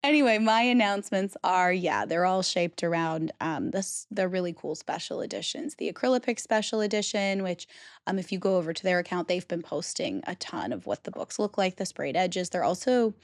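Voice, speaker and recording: A woman in her thirties co-hosts a podcast, chatting casually and laughing a lot, her throat still phlegmy from a cold. Her lowish voice is expressive and moderately paced, recorded with studio quality and no echo.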